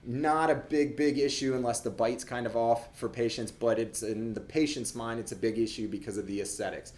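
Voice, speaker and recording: A man's voice: medium pitch, fairly even intonation, fairly quick, darkish tone. A young adult man, a dentist, explaining things casually to camera in a conversational way, often repeating words as he goes.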